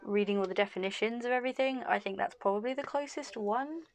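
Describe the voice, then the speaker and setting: A woman vlogger talks frankly to the camera in a casual vlog, her fairly high voice moving fast. She's chatty, laughs a lot, fills her speech with "like, you know," and is losing her voice a bit.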